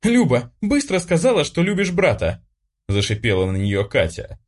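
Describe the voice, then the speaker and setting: A male audiobook reader voicing a sharp-tongued young girl who hisses threats and teases her sister. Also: high voice, huge pitch swings, normal speed, pitched above the performer's own voice, exaggerated voice. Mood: mocking. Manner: hissing, mocking.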